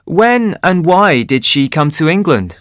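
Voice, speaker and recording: A woman voicing a curious quiz questioner in a scripted coursebook dialogue, asking clear, deliberate questions. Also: lowish voice, sing-song, no echo, studio quality.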